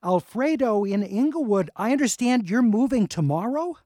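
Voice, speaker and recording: A man in his sixties hosting a call-in radio talk show in a chatty, relaxed way, with easy laughs. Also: high voice, normal speed, no echo, clean studio sound. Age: 60s. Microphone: studio microphone, dry sound.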